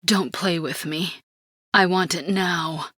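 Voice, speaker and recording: Woman playing young woman, breathy, pleading, drawn-out slow delivery, dry close sound. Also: medium pitch, sharp tone, no echo, exaggerated voice. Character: breathless, eager young woman, passionate lover. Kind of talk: audiobook character acting.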